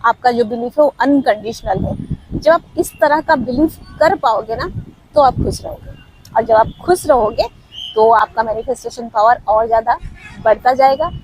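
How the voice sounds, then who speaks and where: A woman's voice: fairly high pitch, moderate pace, slight background noise, rough recording. A woman giving a casual motivational talk to camera outdoors, coaxing and conversational, dropping English words into her sentences. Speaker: motivational speaker.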